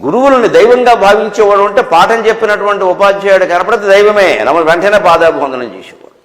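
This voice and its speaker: High-voiced man preaching in an echoey hall. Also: animated, fast talker, fairly bright tone. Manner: scolding, rhetorical questions, wry humour. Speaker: spiritual discourse speaker. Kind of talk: Telugu spiritual discourse. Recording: echoey hall with long reverb.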